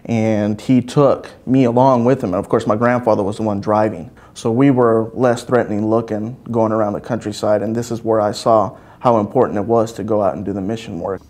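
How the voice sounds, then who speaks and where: A man's voice: fairly low pitch, steady tone, a little fast, hardly any pauses, a little mellow. A man from El Salvador reflectively telling a story from his childhood in an interview.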